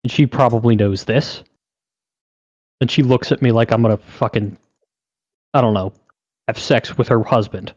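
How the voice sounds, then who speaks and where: Young man, podcast co-host, profane animated storytelling, lo-fi sound, dry room. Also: medium pitch, normal speed, long pauses, no room sound. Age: young adult.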